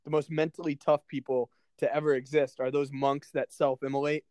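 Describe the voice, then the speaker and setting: A young man co-hosts a casual podcast with a slightly higher-pitched voice. He tells stories in a loose, rambling way and swears offhandedly. The sound is dry and close to the mic. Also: flat delivery, brisk, darkish tone, no room sound. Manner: laid-back storyteller, swears casually. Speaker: podcast co-host.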